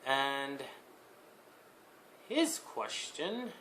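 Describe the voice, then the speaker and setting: Slow, hesitant young man answering questions. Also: mid-range voice, very animated, sharp tone, slight background noise. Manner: hesitant, many fillers and pauses, laughs often. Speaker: video host answering viewer questions. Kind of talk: casual Q&A vlog.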